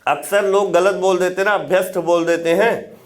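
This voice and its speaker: A man with a fairly high voice teaches a Hindi grammar lecture for exam preparation. He goes step by step, repeats key words so students can write them down, and keeps checking in with short questions. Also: fairly even intonation, moderate pace. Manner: explains step by step with tag questions.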